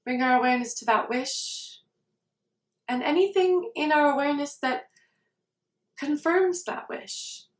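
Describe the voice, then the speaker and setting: A woman leads a guided meditation in a calm, slow, gentle way. Her voice sits a little high. It is recorded at home with a roomy echo, a bit away from the mic. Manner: slow, soft, calm guiding. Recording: roomy sound, somewhat far from the mic.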